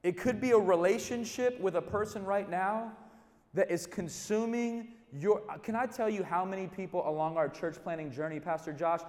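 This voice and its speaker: A middle-aged male pastor preaching a storytelling sermon, dropping quiet and then building to loud emphasis. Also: sits high, moderate pace. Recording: reverberant hall.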